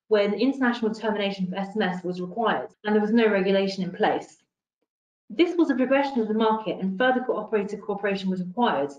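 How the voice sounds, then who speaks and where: A woman walks through an analyst briefing in a steady, explanatory voice. Her voice carries a noticeable room echo, and the recording sounds a little dull and muffled. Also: mid-range voice. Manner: measured and explanatory, with occasional restarts. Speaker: industry analyst. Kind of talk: presenting a research briefing.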